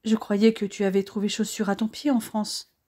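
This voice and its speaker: A woman voicing a wounded young soldier who has just woken, softly spoken and earnest. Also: medium pitch, flat delivery, moderate pace, breathy edge, lightly acted. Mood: tender.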